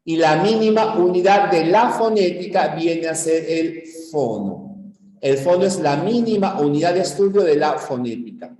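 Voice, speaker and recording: A man from Peru teaching a university-prep lecture, explaining step by step and checking in with the class through quick questions. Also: a little high, animated, mellow. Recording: echoey room.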